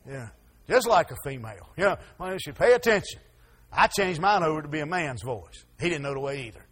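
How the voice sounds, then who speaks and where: Preacher, man; high husky voice, folksy, stammers, loud and soft by turns. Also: animated, a little fast. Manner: folksy, stammering restarts, swings from soft asides to loud emphasis. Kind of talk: sermon.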